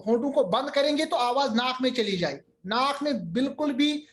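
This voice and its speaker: A man teaching a Quran recitation lesson over a video call, patiently repeating terms and drawing out his recited examples slowly. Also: very high-pitched. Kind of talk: online tajweed lesson.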